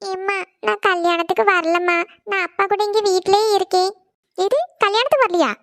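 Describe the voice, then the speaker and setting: A whiny, tearful cartoon college girl, as a woman puts her on, in a very high, drawn-out pleading voice. She sounds sulky and upset. The recording is dry and close. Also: fairly even intonation, a bit bright, no echo. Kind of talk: cartoon voice acting.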